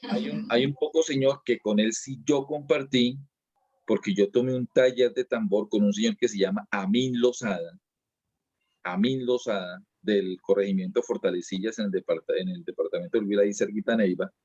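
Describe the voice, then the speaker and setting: A man's voice: lowish voice, fairly even intonation, moderate pace, darkish tone, breathy edge, no room sound, highs cut off. A man, a dance teacher being interviewed, explaining at length in a casual way and often restarting and repeating his words.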